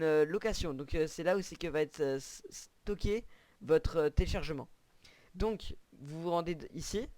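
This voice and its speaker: A man's voice: on the high side, no echo. A young man walking viewers through a computer setup in a casual, hesitant tutorial style, with frequent fillers. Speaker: tutorial creator. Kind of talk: screen-recorded gaming tutorial.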